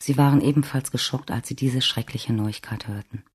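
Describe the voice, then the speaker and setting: A narrator reading a story in a calm, measured way. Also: medium pitch, husky. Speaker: audiobook narrator. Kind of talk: scripted narration.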